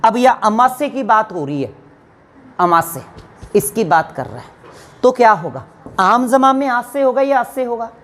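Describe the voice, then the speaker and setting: A woman's voice: fairly high pitch, lively intonation, normal speed, pauses often. A woman teacher giving a grammar lesson to exam students, asking questions and answering them herself. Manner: addresses students fondly as children.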